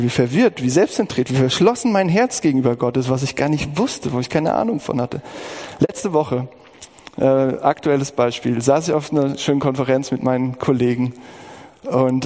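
A man's voice: medium pitch, a little mellow, in a large hall. A middle-aged man preaching a sermon as pastor, talking earnestly and personally, with emotional outbursts.

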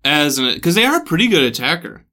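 A podcast co-host who talks in easygoing chat, often tripping over words and laughing at the slips. The voice is bright and the pitch moves around a lot. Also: very animated, fast talker. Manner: giggly, stumbling over words, playful.

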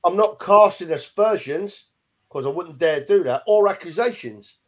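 A man's voice: high-pitched, expressive, normal speed. A man chatting casually about football on a podcast, emphatic and full of "you know". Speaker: podcast co-host.

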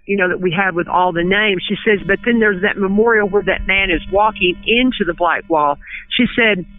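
A woman in her fifties from West Kentucky, a guest calling in who recalls a personal memory earnestly, with halting restarts. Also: medium pitch. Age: 50s. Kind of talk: emotional personal recollection on the phone. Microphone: telephone. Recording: tinny phone line.

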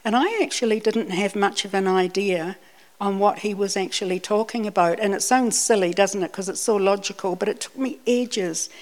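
A woman, new to preaching, delivers a personal sermon full of anecdotes in a conversational way, repeating words whenever she restarts. Her voice sits in the mid range and moves at a moderate pace. She comes from Scotland and grew up in New Zealand.

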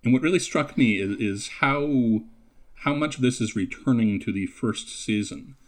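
A man with a Canadian accent, a podcast guest in casual chat, who stammers through many restarts and lets his phrases trail off softly. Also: medium pitch, normal speed.

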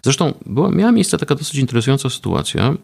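A man being interviewed about research he ran, explaining in a measured way with frequent hesitation fillers. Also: mid-range voice, very animated, creaky, darkish tone, breathy edge. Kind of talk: conversational interview.

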